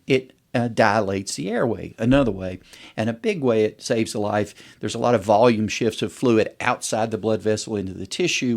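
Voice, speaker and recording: A middle-aged allergist, appearing as a podcast guest, is interviewed about his work. His fairly low voice has a darkish tone, and he explains medical points conversationally, often walking through examples in plain first person.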